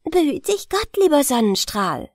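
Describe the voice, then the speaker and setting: A woman voicing a small, eager dwarf princess in a storybook, high and sweetly pleading. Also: sing-song, moderate pace, no room sound, clean studio sound. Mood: grateful.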